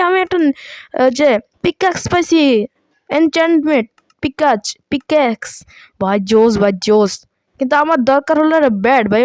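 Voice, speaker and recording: A woman hosting live gameplay commentary, excitable and chatty with viewers, often breaking into shrieks. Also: on the high side, clean tone, no room sound, studio quality. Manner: excitable, frequent shrieks and exclamations; chatty, talks straight to viewers. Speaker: gaming channel host.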